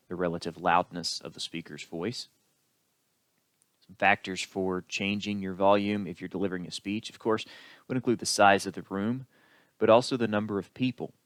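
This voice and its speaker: A man giving a recorded lecture as an instructor, explaining in an unhurried way with the odd filler. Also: deep voice, a bit bright, no room sound.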